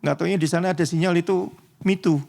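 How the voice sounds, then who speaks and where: A man's voice: sits high, fairly even intonation, quick pace, vocal fry, darkish tone. A man preaching a casual sermon in church, joking with the congregation and often asking them to agree, sometimes dropping to a near whisper for dramatic moments. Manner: chatty, joking, often asks the congregation "betul ya?".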